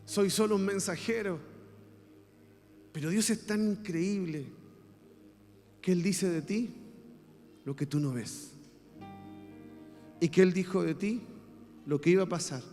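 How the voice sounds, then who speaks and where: Chilean pastor preaching in a reverberant hall. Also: male voice, sits high. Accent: Chilean Spanish. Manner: preaching with call-and-response, swinging from soft to shouted. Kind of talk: sermon.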